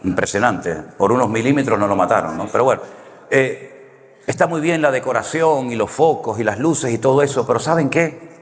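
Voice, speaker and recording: A man's voice: mid-range voice, animated, moderate pace. A man with a Canary Islands Spanish accent, preaching a sermon as a pastor in a conversational, storytelling way with wry humor. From Canary Islands, Spain. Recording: long hall reverb.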